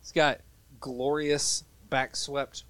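A man's voice: mid-range voice, little pitch movement, slow, a bit bright. A man narrating a tabletop game as game master, playful and often laughing.

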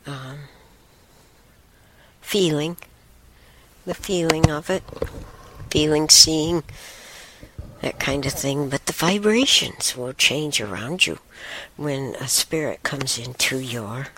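Slow, gravelly woman host. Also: sits low, slight background noise. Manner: rambling, with soft whispered asides. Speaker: show host. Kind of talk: casual spiritual storytelling.

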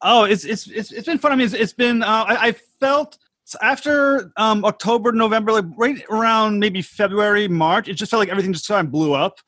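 A man's voice: high-pitched, a little fast, bright, forceful tone, no room sound. A man co-hosting a podcast, telling casual anecdotes in a chatty way. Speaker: podcast co-host.

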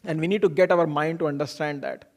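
Higher-voiced man giving an informal motivational talk. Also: steady tone, fast talker, a little mellow. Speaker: speaker giving a self-improvement talk.

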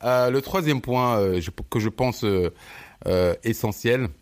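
A man co-hosting a podcast in casual chat, animated and slangy, often stammering on repeated words. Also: mid-range voice, measured pace. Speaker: podcast co-host.

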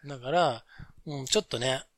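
A man's voice: mid-range voice, a little fast, a crowd in the background. A man co-hosting a casual podcast, patiently explaining English words and mixing Japanese with fluent English. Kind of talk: casual bilingual podcast chat.

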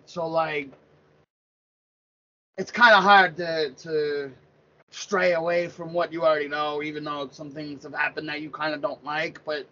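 A man's voice: fairly high pitch, sharp tone. A man in his thirties from Pennsylvania, talking sports casually and rambling, with many restarts. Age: 30s. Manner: rambling, repeats words and restarts often. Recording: lo-fi dull sound.

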